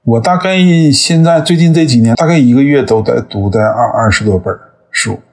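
Husky, unhurried man in his fifties. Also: medium pitch. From northeast China. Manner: thoughtful, measured, with frequent hesitations. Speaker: guest. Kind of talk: conversational interview.

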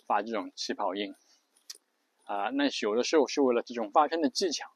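A man casually explaining a speech habit, rambling with many fillers and stopping to demonstrate creaky, drawn-out word endings. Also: medium pitch, no echo.

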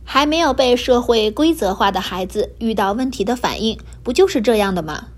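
A woman hosting a children's learning program, reading a picture book aloud with gentle expression. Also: fairly high pitch, lively intonation, brisk. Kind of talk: storytelling for children.

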